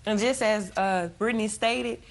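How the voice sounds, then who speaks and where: A woman's voice: medium pitch, steady tone, normal speed, gravelly, a little hiss or hum. A young woman giving testimony as a witness in a TV court.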